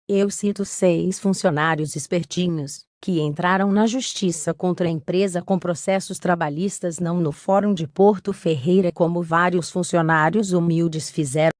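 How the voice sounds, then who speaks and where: A computer-generated woman's voice with a robotic, text-to-speech sound, pitched fairly low. It reads a scripted case narration in an even, methodical way, and it sounds dry and close with no room around it. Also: moderate pace, hardly any pauses, no echo. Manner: even, methodical reading of court documents.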